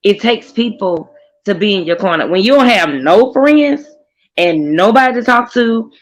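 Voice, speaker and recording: An earnest woman in her forties shares what she has been dealing with in a relaxed group stream chat. She talks plainly and circles back on her phrases while she opens up. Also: medium pitch, normal speed, rough recording. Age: 40s. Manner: earnest, repeats herself, opens up about hardship. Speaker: guest caller on a group stream. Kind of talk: emotional casual chat.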